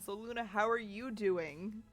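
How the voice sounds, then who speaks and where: A woman streaming a game with a friend, her voice low and sick, chatting casually with lots of giggles and fillers. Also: measured pace, faint music behind. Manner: giggly, rambling with many fillers. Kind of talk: casual gaming chat.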